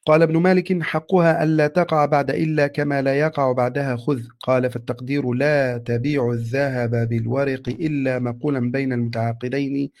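A man reading a classical commentary aloud to his teacher in a steady, respectful recitation. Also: mid-range voice, a little fast, few pauses.

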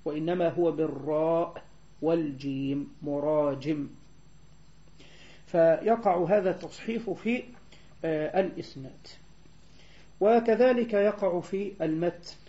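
A man teaching a lesson on hadith sciences, explaining terms and slowing down to recite verses and spell out letters. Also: a little high, warm tone. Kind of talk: classroom lecture. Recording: dull lo-fi recording.

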